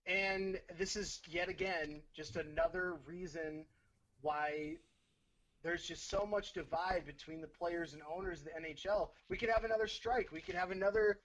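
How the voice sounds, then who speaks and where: High-voiced man giving blunt sports takes. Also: lively intonation, moderate pace, gravelly, fairly bright tone, a little hiss or hum, rough recording. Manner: blunt, repeats himself. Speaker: podcast co-host. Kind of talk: casual sports talk.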